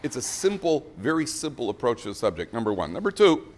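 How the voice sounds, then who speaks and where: Man, middle-aged, guest rabbi, humorous Torah talk, joking asides, lots of restarts, expressive swinging pitch. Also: quick pace. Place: breakfast event room.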